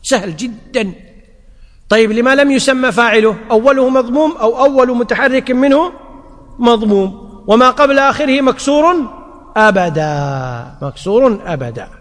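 A man's voice: very high-pitched, moderate pace, fairly bright tone. A man teaching grammar to a class. He repeats his points and keeps checking whether his listeners follow. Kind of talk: classroom lecture. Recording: long reverb of a large hall.

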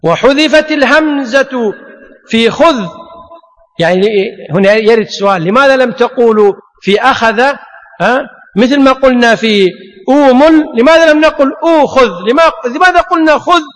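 A man's voice: very high voice, moderate pace, a bit bright. A man teaching a grammar lesson, asking rhetorical questions and answering them himself. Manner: emphatic, drills rules by repetition. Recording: long hall reverb.

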